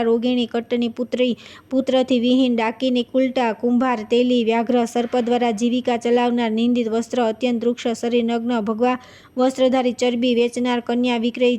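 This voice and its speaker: A woman recites a devotional scripture story in an even, unhurried reading tone. Her voice sits a little high yet sounds soft and mellow, and she keeps an almost level pitch from phrase to phrase, slipping now and then on a word. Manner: steady recitation, occasional stumbles and fillers. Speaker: scripture reader.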